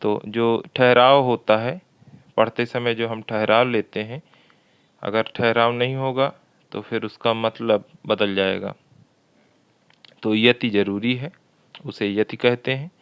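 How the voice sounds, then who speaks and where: A man's voice: medium pitch, fairly even intonation, clear, resonant tone, dull audio. A man teaching a Hindi grammar lesson for exam preparation, reading each question twice and working through it step by step. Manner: slow and methodical, repeats questions aloud.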